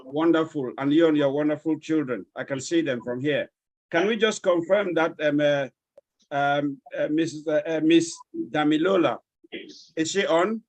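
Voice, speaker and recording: A man with a Nigerian accent moderating an online webinar over a video call, courteous and halting as he checks who has joined. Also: on the high side, no echo.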